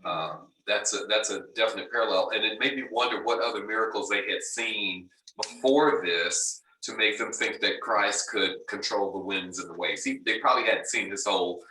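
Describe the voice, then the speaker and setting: Guy joking around in a church class, low bright voice, echoey and far from mic. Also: moderate pace, few pauses. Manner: hesitant, joking, many restarts. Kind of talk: casual group discussion. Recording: roomy room, distant mic.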